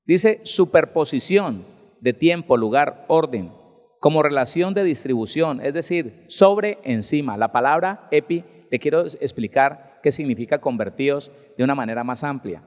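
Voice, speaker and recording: At a Bible seminar, a male pastor gives a conversational sermon at a moderate pace, questioning the congregation and acting out the excuses people make. He is lively, and his voice gets higher and louder when he wants emphasis. The sound carries the feel of a big room.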